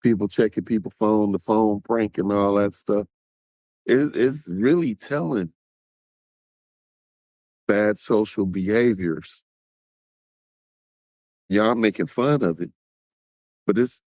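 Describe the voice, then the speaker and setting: A man's voice: lowish voice, slow, long pauses, a little mellow, dry recording. A man hosts a podcast and talks casually straight to his listeners, now and then acting out what other people say. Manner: conversational, talks straight to listeners, acts out quotes. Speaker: podcast host.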